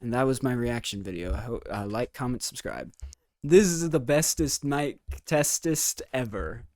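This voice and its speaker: A man's voice: mid-range voice, moderate pace, darkish tone, dry recording. A man doing a rambling, comedic mic test in a goofy, playfully theatrical manner, close on the microphone. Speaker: video creator.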